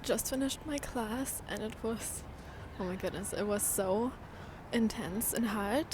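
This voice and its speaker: A woman's voice: medium pitch, a little slow, background noise. A woman chatting casually to camera in her vlog. She is coming down with a cold, and her upbeat talk sometimes drops to a near whisper. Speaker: vlogger.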